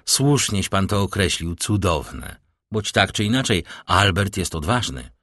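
Suave count type, smooth and polite, low voice with lots of lift, man reading it, dry close sound. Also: very animated, a bit bright, dry recording, exaggerated voice. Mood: courteous. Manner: smooth, courteous and measured. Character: suave worldly nobleman, calm and gently teasing. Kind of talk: audiobook character reading.

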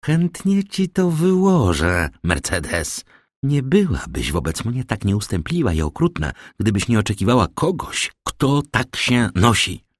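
A man's voice: medium pitch, very animated, measured pace, dry recording, studio quality, voice pushed up. A man voicing a jealous young soldier who pleads with the woman he loves and turns bitter.

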